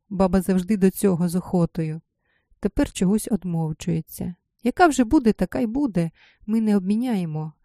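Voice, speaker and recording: Woman narrating a story, solemn and expressive, mellow dark tone, dry close sound. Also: medium pitch, no room sound. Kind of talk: scripted literary narration.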